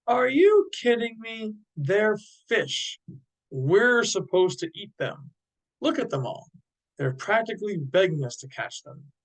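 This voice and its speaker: Fishing dad, excitable, disbelieving , voiced by a male narrator, raised pitch. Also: measured pace, low-quality recording. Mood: incredulous. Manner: loud, incredulous exclamations. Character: excitable middle-aged father, a fisherman.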